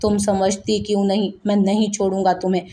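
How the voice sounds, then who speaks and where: A woman's voice: medium pitch, flat delivery, moderate pace, lightly acted. Woman narrator doing a young husband, desperate, possessive, stubborn, audio novel. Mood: stubborn angry. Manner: pleading, then shouting in anger.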